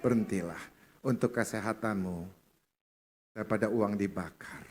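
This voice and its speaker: A man's voice: on the low side, normal speed, darkish tone. A man preaching in a church service, exhorting the congregation with repeated calls and rhetorical questions. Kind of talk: sermon.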